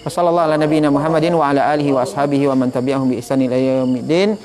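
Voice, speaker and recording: A man's voice: medium pitch, steady tone, racing, crowd noise. A man teaching an Arabic class, patiently correcting pronunciation and laughing often.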